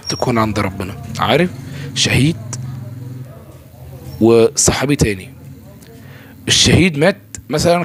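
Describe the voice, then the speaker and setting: A young man with an Egyptian Arabic accent giving a casual religious talk to camera. He asks himself questions and answers them, and he often stalls on repeated fillers. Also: lowish voice. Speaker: religious speaker. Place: filming himself indoors.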